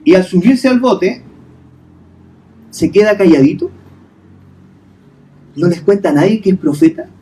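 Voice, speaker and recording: A man's voice: high-pitched, animated, a little slow, pauses often, warm tone, recorded from a distance. A male pastor preaching a sermon in a hotel hall, asking the congregation rhetorical questions and mixing English terms into his talk.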